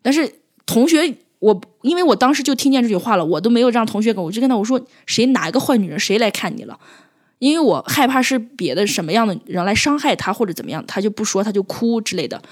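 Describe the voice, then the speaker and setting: A woman in her twenties, a village schoolteacher from northwest China, recounting stories about her pupils with emotion and halting restarts. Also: fairly high pitch. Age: 20s. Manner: emotional, animated, halting restarts when upset. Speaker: rural primary school teacher. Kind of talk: personal storytelling interview.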